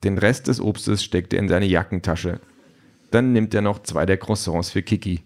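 A man reading an audiobook in a steady, dry storytelling manner. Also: low voice, moderate pace. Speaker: audiobook narrator. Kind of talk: scripted narration.

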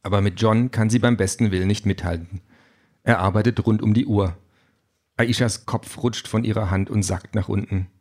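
Lower-voiced male audiobook narrator. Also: steady tone, moderate pace, darkish tone.

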